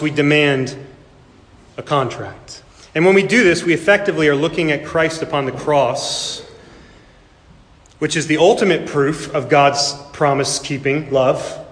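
A male pastor preaches emphatically, pausing for drama and swinging between hushed and raised delivery. His voice sits slightly high, with a long reverb that fills the sanctuary. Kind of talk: sermon. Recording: echoey hall with long reverb.

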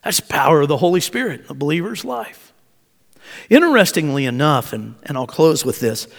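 A man's voice: fairly high pitch, a bit bright. A male pastor from Oklahoma preaching a sermon, repeating key phrases emphatically and leading the congregation in saying them back. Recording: long church-hall reverb.

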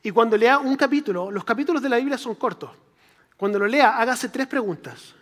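High-voiced preacher in a reverberant hall. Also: male voice, animated, brisk, fairly bright tone. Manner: conversational, repeats phrases for emphasis. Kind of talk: sermon.

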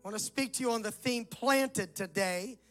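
A man preaching a sermon as pastor, his voice rough and hollow as if he were speaking inside a barrel, slowing down to quote scripture. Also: very high-pitched, a bit bright, faint music behind. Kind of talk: Mother's Day sermon.

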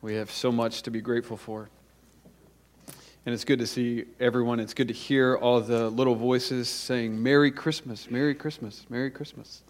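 Male preacher at a pulpit mic, mid-pitched, deliberate sermon delivery with stressed lists. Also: fairly even intonation. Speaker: pastor.

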